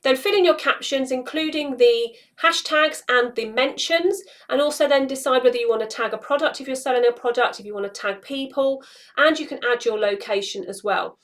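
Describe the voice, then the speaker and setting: High-pitched, a bit bright, and slightly fast, this woman's voice guides a casual step-by-step walkthrough. She's a social media tutorial host of roughly forty, recording in a small indoor room.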